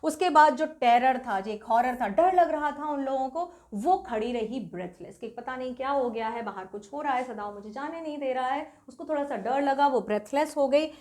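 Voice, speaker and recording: A young adult woman with an Indian accent, explaining a story step by step as a teacher and reading passages aloud slowly. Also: high-pitched, expressive, darkish tone. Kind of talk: bilingual literature lesson, explaining and reading aloud.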